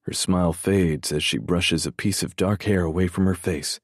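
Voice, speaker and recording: A man narrating a first-person romance audiobook in a measured, brooding way, swearing freely. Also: sits low, steady tone, no room sound, clean studio sound.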